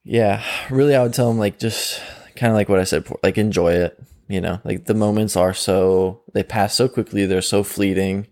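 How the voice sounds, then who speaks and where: This young man, a mental performance coach, sounds at ease in a conversational interview, often laughing and using fillers such as "like" and "um." His lowish voice has a darkish tone and fairly even intonation, delivered at a moderate pace.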